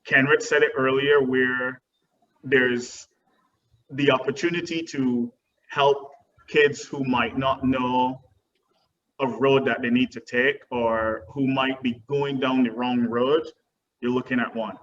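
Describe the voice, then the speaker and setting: A young man from Barbados, a guest dance teacher, earnestly answers webinar questions with lots of ums. His mid-range voice is steady, slow and fairly bright. The video-call audio sounds dull and distant, with faint noise.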